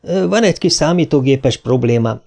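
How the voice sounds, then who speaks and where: A man voicing a male crew engineer, speaking slowly and precisely. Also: mid-range voice, animated, creaky, a little mellow. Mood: polite.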